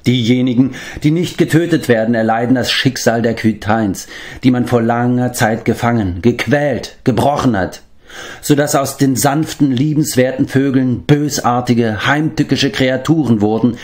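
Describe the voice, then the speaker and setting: A man voicing a wise, grave old man who watches over the animals, in a measured, stately storybook manner. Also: medium pitch, expressive, darkish tone, natural voice. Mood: commanding.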